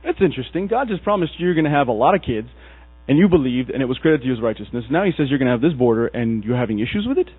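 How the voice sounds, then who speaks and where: Animated preacher man, tinny lo-fi. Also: medium pitch, racing, breathy edge. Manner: casual, animated storytelling with acted asides. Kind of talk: sermon. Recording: tinny lo-fi recording with mains hum.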